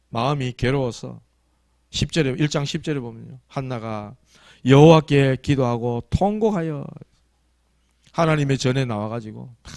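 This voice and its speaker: A man's voice: medium pitch, gravelly, darkish tone, dry recording. A man preaching a Sunday sermon as pastor, telling stories in a colloquial, emphatic way. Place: church.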